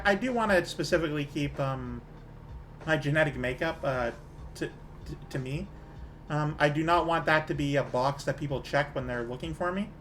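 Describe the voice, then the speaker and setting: Her deep, fairly bright voice carries a Canadian accent as this woman streamer games and talks casually with viewers. The chat rambles, dotted with fillers and small laughs.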